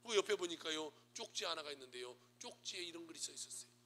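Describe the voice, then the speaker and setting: Bright-voiced Korean pastor preaching dramatically. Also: male voice, a little high, animated, fast talker, slight background noise. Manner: dramatic storytelling, swings between loud and hushed. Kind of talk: sermon.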